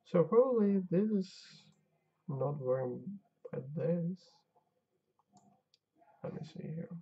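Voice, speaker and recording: Over dull, lo-fi audio, an Albanian game developer streams his coding session, sounding tired as he alternates between muttering while testing and chatting casually with viewers. His voice is gravelly and unhurried yet animated, pitched on the high side.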